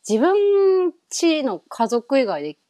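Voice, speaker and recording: Young woman, Yamaguchi dialect, lively bouncy pitch, dry close mic, playful co-host. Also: slow pace, dry recording. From Yamaguchi, Japan. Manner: playful, laughs often. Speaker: podcast co-host. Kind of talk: casual chat.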